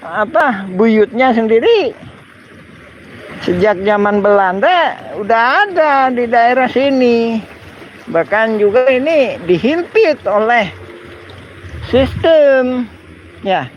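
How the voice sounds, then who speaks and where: A man speaking as a community representative, making an earnest, halting appeal to camera outdoors with many fillers. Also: sits high, dull audio, a little hiss or hum. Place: outdoors by fields.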